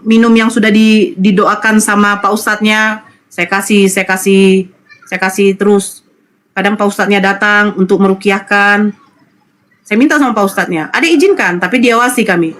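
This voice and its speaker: A woman's voice: mid-range voice, a bit bright. A woman with a North Sumatran Indonesian accent giving an emotional personal testimony, earnest and repetitive, acting out the dialogue she recalls. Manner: earnest storytelling, repeats phrases, acts out quoted dialogue. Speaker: guest telling her conversion story.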